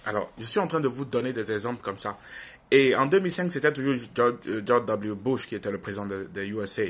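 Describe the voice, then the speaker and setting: A young man with a mid-range voice talks fast in an informal opinion monologue aimed at viewers. He has a Francophone African accent and is an online video commentator. Earnest and insistent, he repeats phrases for emphasis.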